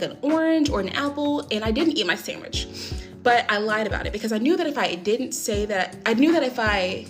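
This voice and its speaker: A young woman telling a personal story in a candid, rambling way, with frequent swearing and fillers. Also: a little high. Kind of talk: casual storytime.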